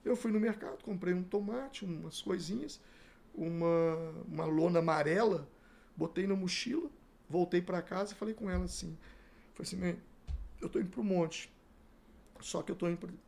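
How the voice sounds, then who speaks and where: A man's voice: high voice, moderate pace, gravelly, a little mellow. A middle-aged man from Brazil, a pastor, telling his life story in a podcast interview and acting out the dialogue as he goes.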